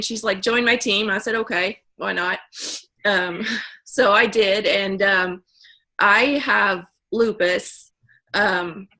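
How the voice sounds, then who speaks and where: A woman giving a casual personal testimonial in a halting way. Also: medium pitch, gravelly, pushed and bright. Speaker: participant giving a health testimonial.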